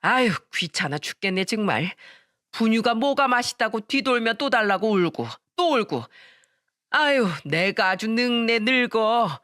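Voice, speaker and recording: A woman voicing an irritable older mother-in-law who scolds and complains in a sharp, loud way. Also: fairly high pitch, expressive, measured pace, no echo, studio quality, pitched above the performer's own voice. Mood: annoyed.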